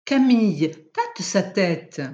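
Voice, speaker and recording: A tense young husband frets over his frightened cat, his words coming out sharp and insistent, as a reader puts him on. He speaks slowly and pushes his voice up, louder than the narration around him. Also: sits high, expressive, highs cut off, pitched above the performer's own voice. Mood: anxious.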